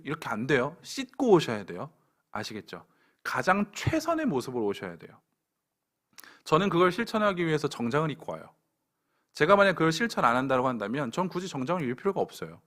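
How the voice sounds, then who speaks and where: Lively young Korean pastor preaching. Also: male voice, on the high side, brisk. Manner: lively, pointed preaching with playful asides and direct commands to the congregation. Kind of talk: sermon to a church young adults group.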